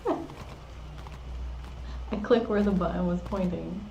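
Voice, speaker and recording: A woman's voice: lowish voice, slow, gravelly, noisy background. A woman gaming streamer giving casual gameplay commentary, chatty and giggly as she thinks aloud. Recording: roomy, dull sound with game music.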